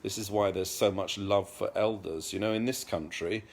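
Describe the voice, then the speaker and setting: A middle-aged man with a lowish, gravelly voice talks earnestly in a casual vlog monologue at normal speed, his intonation fairly even. He's a native English speaker who often repeats words while hunting for the next one.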